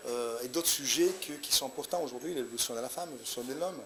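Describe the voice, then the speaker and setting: A man's voice: mid-range voice, quick pace. A man with an Italian accent, a comedian answering interview questions in a hesitant way, with many fillers and restarts. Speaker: comedian guest. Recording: loud crowd chatter behind. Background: crowd chatter.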